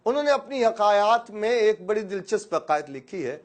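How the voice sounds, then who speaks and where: A man's voice: high voice, sing-song. A man from Pakistan, an educator, giving a motivational speech and telling a story with playful asides to his listeners.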